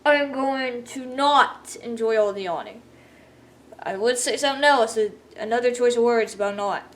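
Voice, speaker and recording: A woman's voice: on the high side, moderate pace. A woman telling a rambling gaming story in a sleepy, casual way, laughing often as she goes. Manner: rambling, laughs often, quotes others in voices. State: sleepy, yawning. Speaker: gaming vlogger.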